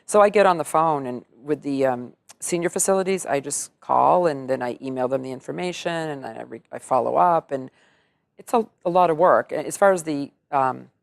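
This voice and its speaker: Speaking at normal speed with a low pitch and vocal fry, a middle-aged woman discusses her career as an entertainer and singer in a casual interview. The audio has no echo, and she comes across as chatty, upbeat and easy to laugh.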